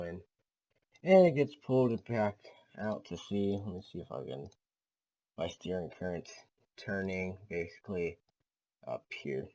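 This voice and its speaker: A man's voice: low voice, a little mellow, low-quality recording. A man hosting his own weather channel, walking through a storm forecast casually, hesitant and full of fillers, with a slight stutter. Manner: hesitant, repeats himself, many fillers; self-admitted slight stutter.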